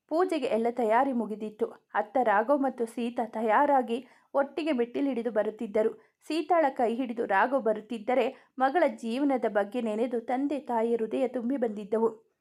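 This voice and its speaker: A woman narrating a romance story in an even, steady reading voice. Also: fairly high pitch. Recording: dull lo-fi recording.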